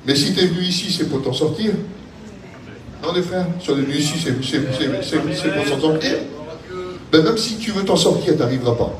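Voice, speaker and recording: A man with a southern French accent preaching a sermon in an impassioned, repetitive cadence that builds to shouting. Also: on the high side, a little fast, crowd noise. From France. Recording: echoey hall, voice from a distance, faint ambience.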